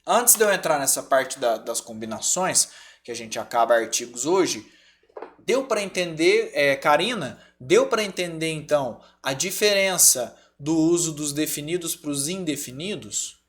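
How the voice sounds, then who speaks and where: A Brazilian man teaching a grammar class online, lively and often checking in with his students. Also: a little high, unhurried, slight background noise. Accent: Brazilian Portuguese.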